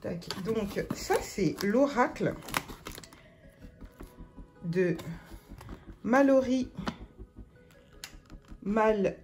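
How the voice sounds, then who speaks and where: A woman's voice: mid-range voice, lively intonation, slow, darkish tone, soft background music. A woman vlogger chatting casually through an unboxing, hesitant with many fillers and restarts. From France.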